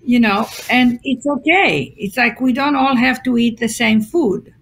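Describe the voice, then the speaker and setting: Expressive woman, fairly high voice. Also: measured pace, breathy edge. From Greece. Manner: expressive storyteller acting out quotes, many fillers. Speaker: guest author. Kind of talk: conversational podcast interview.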